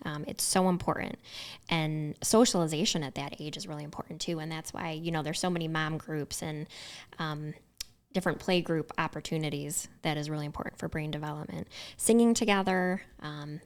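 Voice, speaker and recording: A middle-aged woman with a notably deep voice co-hosts a casual podcast. She explains topics in the manner of a therapist and often chimes in with agreement. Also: a little fast.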